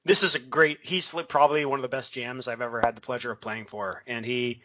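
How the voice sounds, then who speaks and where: A man's voice: mid-range voice, fairly even intonation, fast talker, sharp tone. Hesitant man with dry humor. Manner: hesitant, lots of ums and restarts, dry humor. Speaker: podcast co-host. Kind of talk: casual chat. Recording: slightly dull lo-fi recording.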